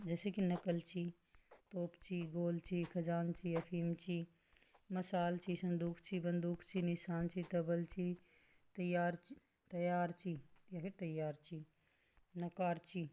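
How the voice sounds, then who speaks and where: A woman leads a grammar lesson, going through word lists item by item. Her voice sits a little low, and she speaks very slowly and deliberately, coughing now and then. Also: level tone, warm tone, a little hiss or hum. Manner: slow, listing words one by one with explanations. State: coughing at times. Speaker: Hindi grammar teacher. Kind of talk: slow classroom-style grammar lesson.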